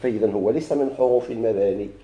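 A Moroccan man explains a grammar text to his class in a lowish, mellow voice. He keeps asking questions and answering them himself, and he repeats the key words. A faint hum sits behind him. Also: rapid-fire, dull audio. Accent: Moroccan Arabic. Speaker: grammar teacher.

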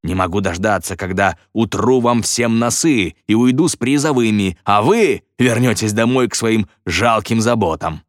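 A man's voice: lowish voice, normal speed, hardly any pauses, no echo, studio quality, natural voice. A man voicing a vain, boastful male stage magician who gloats and sneers theatrically. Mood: gloating.

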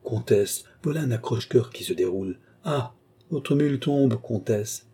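A man voicing a fawning old male courtier who talks in a simpering, flattering way. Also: medium pitch, normal speed, breathy edge.

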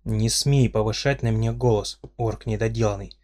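A man reading the part of a sharp-tongued young woman heroine in an audiobook, delivering her lines as bickering, indignant retorts. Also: on the low side, steady tone, moderate pace, natural voice. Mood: angry.

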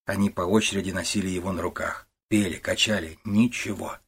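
A man narrating a novel in a measured, storytelling way. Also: sits low, steady tone, creaky, a bit bright, slightly rough. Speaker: audiobook narrator. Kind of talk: novel reading.

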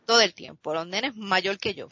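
With a Puerto Rican Spanish accent and a mid-range voice, a streamer in her thirties shares her life story as an interview guest at a moderate pace. She's lively and mixes in English, while the dull lo-fi sound carries faint music.

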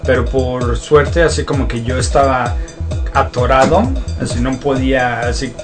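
A man co-hosting a radio show, recounting his dreams in a relaxed way. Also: medium pitch, normal speed, over music. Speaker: radio co-host. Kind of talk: casual radio chat.

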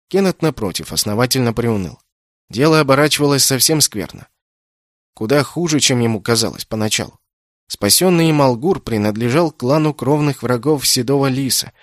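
A male audiobook narrator reads a novel in an even, measured storytelling voice. The recording is dry and close, with no room sound at all, and his pitch sits in the middle of the male range. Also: dry recording. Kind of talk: scripted narration.

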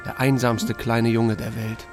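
Music plays behind a man who narrates an audio drama in first person and stars as a small-town sheriff of few words. He sounds dry and understated, his mid-range voice level, measured and close to ordinary speech.

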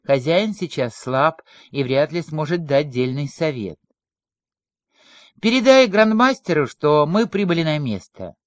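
A man's voice: fairly high pitch, sing-song, unhurried, dry recording. Casting: female reader voicing an arrogant male hunter, scornful and commanding, with a dry close sound. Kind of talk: audiobook reading.

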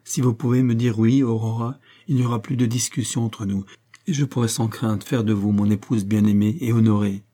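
A man's voice: lowish voice, fairly even intonation, a little fast, warm tone, natural voice. A man playing a stern, wounded captain. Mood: demanding. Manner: grave, insistent, impassioned. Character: stern, honorable young army captain, wounded fiancé.

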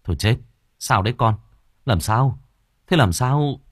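A man voicing a gentle, hardworking young father who speaks softly and tenderly. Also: mid-range voice, lively intonation, unhurried, no room sound, studio quality. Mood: worried. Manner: soft, tender and worried.

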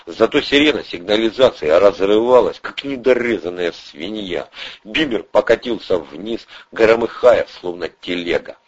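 A man narrating an audiobook with lively, expressive storytelling. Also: fairly low pitch, breathy edge. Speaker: audiobook reader. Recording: dull lo-fi audio.

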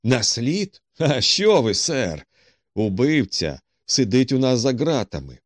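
A man voicing a boastful, excitable male police detective who talks in a boisterous, self-satisfied way. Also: fairly low pitch, a little slow, no echo, clean studio sound.

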